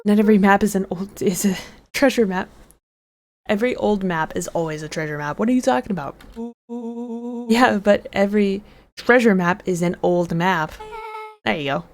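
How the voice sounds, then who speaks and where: A woman's voice: mid-range voice, moderate pace, pauses often, slight background noise. A woman streamer casually reading game dialogue aloud in a playful, joking way, adding asides. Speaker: game streamer voicing characters. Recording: with faint game music behind. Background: faint game music.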